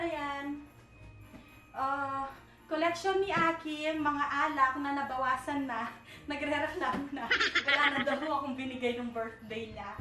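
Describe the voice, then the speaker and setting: A woman's voice: high voice, pushed and bright, far from the mic. A young woman vlogger casually touring her apartment at night, rambling and searching for words as she mixes in English. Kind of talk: casual home tour vlog. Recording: echoey room, voice from off-mic, faint music.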